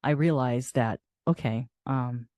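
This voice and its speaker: An older woman host telling a personal caregiving story in a soft, reflective way, restarting her sentences as she goes. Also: extremely low pitch, slow pace, dry recording, studio quality. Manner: reflective, soft-spoken with frequent laughs and restarts.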